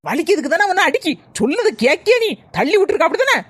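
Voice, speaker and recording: A woman's voice: very high-pitched, very animated, rapid-fire, no echo. A woman voicing a fussy young mother in a cartoon, with a Tirunelveli-Kanyakumari Tamil accent, scolding and soothing the children. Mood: fretting.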